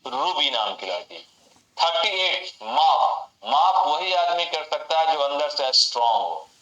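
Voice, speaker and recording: A man's voice: on the high side, big pitch swings, a little slow, bright, forceful tone, lo-fi sound. Man teaching mnemonics in an echoey room. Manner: repetitive, call-and-response mnemonics. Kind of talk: online class lesson. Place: home room.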